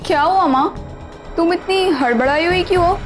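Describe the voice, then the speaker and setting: High-voiced, worried young daughter. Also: female voice, normal speed. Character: worried, caring young daughter, puzzled and pleading. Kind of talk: Hindi TV crime drama acting. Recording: music behind the voice.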